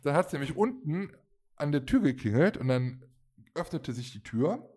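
A man's voice: fairly high pitch, very animated, normal speed, darkish tone. A man in his thirties casually telling a long anecdote, rambling with fillers and acting out the people he quotes. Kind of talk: casual storytelling chat.

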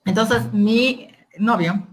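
Mexican woman, podcast guest, lively storyteller, fairly high voice, acts out the people she quotes. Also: drawn-out words. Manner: animated, quotes others, frequent "o sea" fillers. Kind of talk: casual storytelling.

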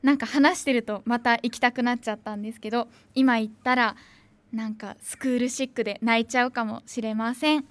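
A woman's voice: a little high, steady tone, brisk, a little hiss or hum. A young woman, an announcing student, rambling nostalgically in casual free talk. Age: young adult.

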